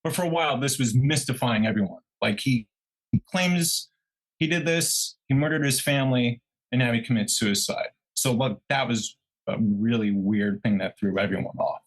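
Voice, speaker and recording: On a true crime podcast, a male co-host with a medium-pitched voice recounts the story in a lively, conversational way, acting out people's reactions at a normal speed. The recording quality is low.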